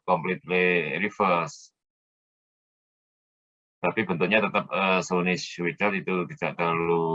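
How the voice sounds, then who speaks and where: A man lecturing on a technical subject, explaining step by step, often checking that students follow and pausing on filler sounds as he thinks. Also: low voice, pushed and bright, dull audio. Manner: hesitant fillers while thinking aloud. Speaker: university lecturer.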